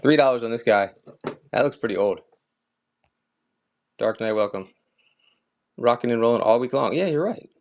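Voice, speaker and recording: A man's voice: medium pitch, lively intonation, moderate pace, long pauses. A man running a live collectibles auction stream, chatting casually and upbeat with viewers as he sells items.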